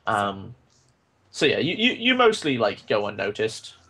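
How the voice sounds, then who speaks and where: A man's voice: on the low side, wildly swooping pitch, a little slow, sharp tone, slightly rough. A young man narrating a tabletop game as game master, in a loose, rambling way with lots of fillers.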